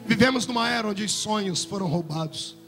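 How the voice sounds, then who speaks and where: A male pastor preaching a fiery sermon, building into shouts and sing-song cries. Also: sits high, a little fast, noisy background. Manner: impassioned preaching, swelling into shouts and near-singing. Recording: music under a long hall reverb.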